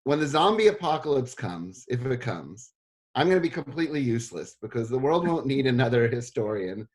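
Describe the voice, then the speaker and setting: A middle-aged man from South Africa, talking casually in an interview, relaxed and self-deprecating with many fillers. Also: mid-range voice, brisk. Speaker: history professor interviewed.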